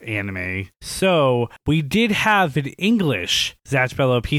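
A man's voice: medium pitch, fairly bright tone, no echo, clean studio sound. A man co-hosting a casual podcast, talking animatedly, laughing often and swearing casually. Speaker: podcast co-host. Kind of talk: casual chat.

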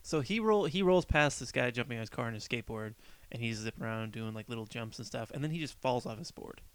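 A man co-hosting a podcast, casually retelling a movie with relaxed fillers. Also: medium pitch, quick pace, clean tone. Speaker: podcast co-host. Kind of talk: casual chat about a film.

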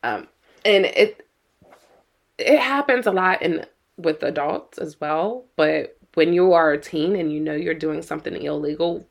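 Middle-aged mom cohosting a podcast, low voice with lots of fry, earnest and worried. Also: female voice, measured pace. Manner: earnest, repeats words, worried. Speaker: podcast co-host, mother. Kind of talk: casual podcast chat.

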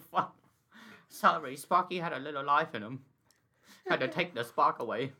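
A man's voice: on the high side, a little slow, bright, forceful tone, husky. A man co-hosting a podcast, trading profane jokes in casual banter and laughing often. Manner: profane, laughing, drawled punchlines. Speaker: podcast co-host.

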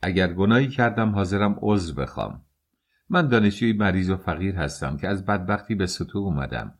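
Male reader as a humble sickly student, pleading, deep storybook voice. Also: lively intonation. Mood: apologetic. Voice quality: apologetic, pleading. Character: poor sick young male student, apologetic.

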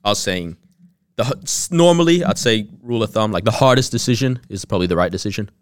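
A man's voice: lowish voice, animated, fast, dry recording, studio quality. A young man talking informally and candidly with friends as a panelist in a casual chat. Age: young adult. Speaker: podcast panelist.

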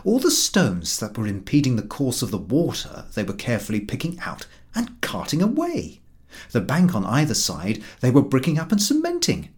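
Reading a humorous book as an audiobook, a man speaks at medium pitch. He delivers it in an expressive, measured storytelling style.

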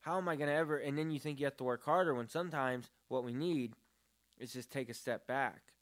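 A man's voice: medium pitch, fairly even intonation, normal speed. A man talking about prayer in a casual, earnest and rambling way, with many fillers. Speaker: podcast co-host. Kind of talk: casual faith talk.

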